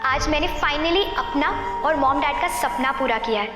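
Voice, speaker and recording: A woman's voice: high voice, normal speed, lightly acted. A woman voicing a young dead woman who looks back on her life in a wistful, reflective voice-over. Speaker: narrator. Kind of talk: dramatic voice-over narration. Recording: echoey voice-over with reverb and music.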